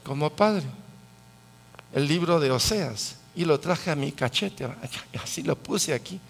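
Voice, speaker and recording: A man's voice: on the high side, a little slow, creaky. A man teaching the Bible in a conversational way, putting questions to the audience. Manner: asks the audience questions, lively.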